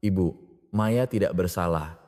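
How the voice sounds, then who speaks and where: A man's voice: sits low, unhurried, mellow. A man voicing a cold, firm young husband and father protecting his family, in a storybook reading with long reverb.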